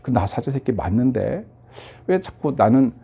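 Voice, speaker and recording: A man's voice: mid-range voice, big pitch swings, normal speed, vocal fry, breathy edge, heavily acted. A man voicing an insecure young male lion cub who asks anxious, pleading questions in a sermon story, on a dull lo-fi recording. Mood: unsure.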